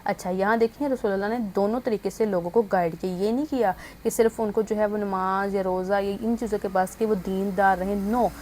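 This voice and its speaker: A woman teacher walking students through an English textbook exercise, mixing English terms into her speech and sounding out words slowly. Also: medium pitch, steady tone, darkish tone, slight background noise. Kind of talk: explaining a textbook exercise in an online lesson.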